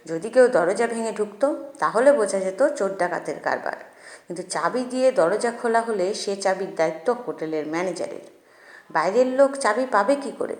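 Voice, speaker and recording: A woman voicing a firm, brisk male police inspector. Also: mid-range voice, expressive, darkish tone, echoey room, lightly acted. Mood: stern. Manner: firm, incredulous.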